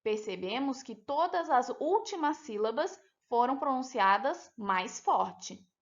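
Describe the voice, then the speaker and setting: A woman teacher with a Brazilian Portuguese accent, talking children through a lesson with slow, clear, deliberate pronunciation. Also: high voice, animated. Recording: dull lo-fi sound.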